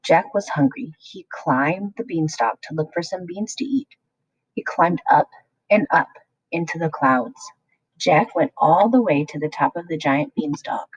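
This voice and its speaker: A woman reading a children's picture book aloud, expressive and addressing young listeners. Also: low voice, slightly rough, no echo, lo-fi sound. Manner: slow, expressive, plays along with listeners. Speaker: children's storyteller.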